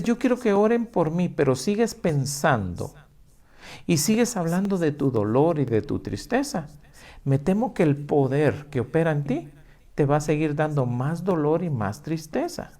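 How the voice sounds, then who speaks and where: A male pastor with a slightly high, mellow voice preaches a sermon with emphasis, throwing rhetorical questions at the listener and acting out their objections.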